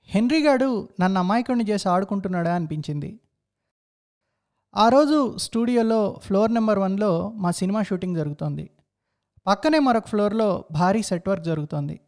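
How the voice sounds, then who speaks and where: Mellow-voiced man narrating a reflective story. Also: high-pitched, animated, moderate pace. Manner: reflective, introspective.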